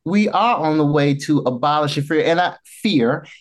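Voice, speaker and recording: A man's voice: fairly high pitch, brisk. A man with a Southern accent, a book editor answering interview questions earnestly and repeating phrases for emphasis.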